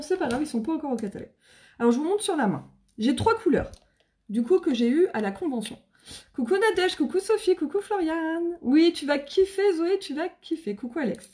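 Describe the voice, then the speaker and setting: French woman hosting a live makeup sale, chatty, fairly high and soft-toned. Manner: bubbly and chatty, greets viewers by name, casual slang. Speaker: independent makeup seller. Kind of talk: live stream sales chat.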